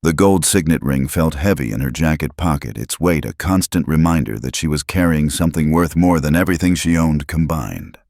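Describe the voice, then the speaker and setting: A man narrating a dramatic story in a steady, scripted storytelling voice. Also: extremely low pitch, brisk, gravelly, few pauses, no room sound, studio quality.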